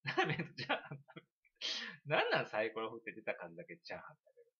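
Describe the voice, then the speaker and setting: Lively Kansai man rambling on stream. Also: medium pitch, fast, dull audio. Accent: Kansai Japanese. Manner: chatty, animated, giggling asides. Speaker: livestreamer. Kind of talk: casual rambling storytelling.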